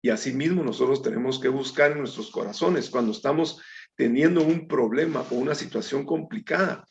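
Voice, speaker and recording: A man's voice: mid-range voice, brisk, vocal fry, a little hiss or hum. A man teaching a Bible study in a conversational way, calling his listeners brethren and reading scripture aloud. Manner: reads scripture aloud with small slips. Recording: dull lo-fi recording.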